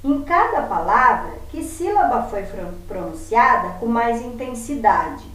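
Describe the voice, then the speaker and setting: A woman teacher talks her pupils through a lesson at an unhurried pace, patiently sounding out example words. Her voice sits a little high and reaches the mic from a distance, in a very echoey room. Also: sing-song. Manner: patient, repeats words slowly to model stress.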